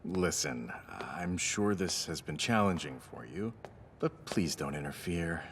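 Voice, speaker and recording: A weary, deep-voiced company father. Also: measured pace, gravelly, a little hiss or hum, heavily acted. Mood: defensive. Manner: calm, defensive, explaining himself. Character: weary middle-aged father, weapons company head. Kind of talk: anime English dub acting.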